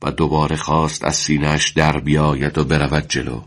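A man with a very deep voice reading a war story aloud. His delivery is solemn and measured, the steady pace of a practiced storyteller. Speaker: narrator.

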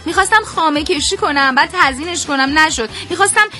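A woman hosting a playful comedy chat show, animated and teasing, often breaking into exclamations. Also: high voice, faint music behind. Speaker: host.

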